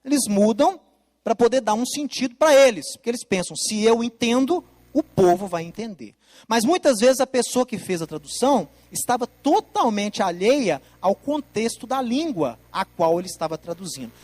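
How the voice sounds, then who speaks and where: A man's voice: extremely high pitch, lively intonation, normal speed, a little mellow. A man gives a Bible lesson over slides, explaining emphatically and repeating his key points. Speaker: Bible teacher. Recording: long reverb.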